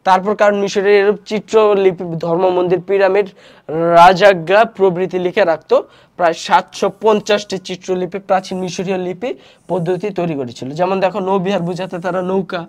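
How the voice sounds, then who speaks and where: A young man teaching an online history class, walking through slides and posing questions he then answers himself. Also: high voice. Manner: explains slides step by step, asks and answers own questions; many fillers and restarts.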